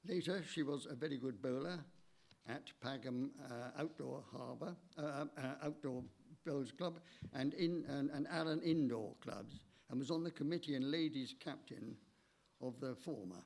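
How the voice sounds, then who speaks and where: An older man, giving a measured, halting eulogy for his late wife in a church, read from notes with small stumbles. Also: medium pitch, gravelly, a little mellow.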